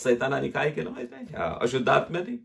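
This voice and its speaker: A male pastor with a Marathi accent preaching a sermon dramatically, often dropping to a low, quiet voice. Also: animated, fast talker, vocal fry.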